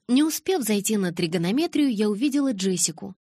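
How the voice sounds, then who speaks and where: Husky woman reading a novel aloud. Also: mid-range voice, lively intonation, fairly quick, mellow, dry recording, clean studio sound. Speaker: audiobook narrator. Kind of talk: first-person novel narration.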